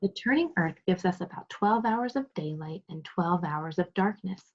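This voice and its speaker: Her voice fairly low and animated, a second grade teacher reads aloud at a normal pace, explaining the material to young children while asking questions and praising them. The sound quality is dull and lo-fi.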